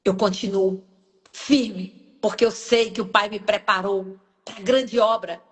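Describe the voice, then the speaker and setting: A woman's voice: mid-range voice, fairly even intonation, slow. A woman preacher from Brazil with a Brazilian Portuguese accent, giving an emotional, emphatic sermon with personal testimony. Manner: emotional, emphatic, rising and falling sharply.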